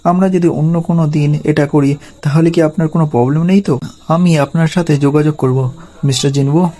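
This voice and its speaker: A bossy middle-aged official, read by a male narrator. He speaks in an even, mellow tone without much swing. It is a plain recap reading, not a full performance. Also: fairly high pitch, fairly quick, lightly acted. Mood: polite. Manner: flat, read-aloud delivery.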